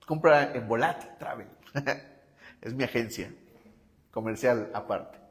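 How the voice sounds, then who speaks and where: A man's voice: medium pitch, slow pace, in a large hall. A male pastor preaching a sermon with emphasis, often asking the congregation whether they follow him.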